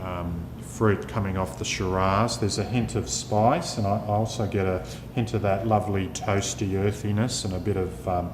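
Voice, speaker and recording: Male winemaker, low voice, halting sommelier tasting notes, unscripted, echoey noisy room. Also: steady tone. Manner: descriptive tasting talk with halting pauses. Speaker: winemaker presenting his wine. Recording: echoey room, clear rumbling background noise.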